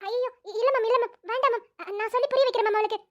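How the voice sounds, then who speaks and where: A woman's voice: very high voice, steady tone, racing, dull audio. A woman voicing an anxious young female student in a cartoon who pleads with her friend and apologises to a teacher. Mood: flustered. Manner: pleading, flustered. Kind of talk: cartoon voice acting.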